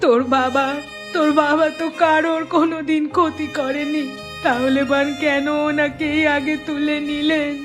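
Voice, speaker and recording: A woman's voice: high voice, level tone, moderate pace, lightly acted. A woman voicing a grieving, worried widowed village mother in a cartoon, speaking in a sorrowful, pleading way. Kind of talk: cartoon voice acting. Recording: cartoon soundtrack with loud music.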